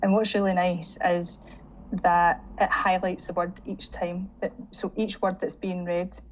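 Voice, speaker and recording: Woman trainer, lowish voice, easygoing screen-share demo, lo-fi computer-mic sound. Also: little pitch movement, unhurried. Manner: chatty, leans on "again" and "um" as she demonstrates. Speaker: digital learning trainer. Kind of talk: screen-share tutorial for teachers. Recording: dull lo-fi audio with faint hiss.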